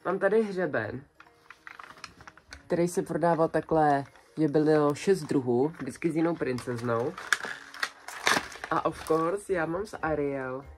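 This is a young adult woman with a notably low voice, vlogging from a small decorated bedroom. She chats in a relaxed, colloquial way and presents each new purchase to a camera set close on her desk. Faint music plays softly behind her. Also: long pauses. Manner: chatty, colloquial, shows items one by one. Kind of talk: casual haul video chat.

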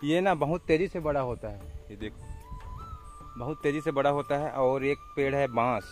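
Soft music plays in the background as a young man from India, with a Chhattisgarhi accent, chats casually to camera in his rural village. He films outdoors on a phone at arm's length, speaking in a mid-range voice at normal speed.

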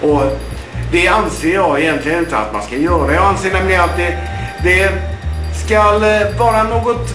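Middle-aged guy venting his opinion into a webcam, earnest and a bit indignant, slightly high voice, music going in the back. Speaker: blogger. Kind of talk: opinion monologue to camera. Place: small indoor room. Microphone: webcam up close. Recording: roomy echo with background music. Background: background music.

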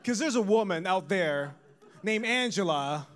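A man from Taiwan doing a stand-up set, telling stories in a deadpan way with bursts of laughter. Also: sits high, measured pace. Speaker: stand-up comedian.

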